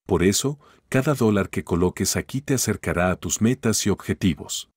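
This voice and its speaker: Male voice-over, very low pitch, husky tone, steady instructive delivery, close dry mic. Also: moderate pace, no room sound. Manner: steady, instructive, advising the listener directly. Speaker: narrator of a finance channel. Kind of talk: scripted voice-over narration.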